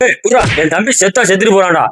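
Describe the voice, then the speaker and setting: A man's voice: high voice, fast talker, slight background noise. A man playing a hot-headed man demanding his kidnapped brother back, blustering and exasperated. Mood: blustering angry. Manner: shouting threats, blustering and exasperated. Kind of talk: comedy skit acting.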